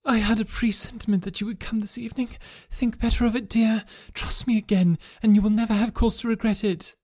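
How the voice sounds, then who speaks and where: A man voicing a Victorian wife in a high, falsetto-like voice, imploring and firm. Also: fairly even intonation, fairly quick, darkish tone. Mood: pleading. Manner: imploring, then proud and firm. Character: proud, pleading Victorian wife, woman.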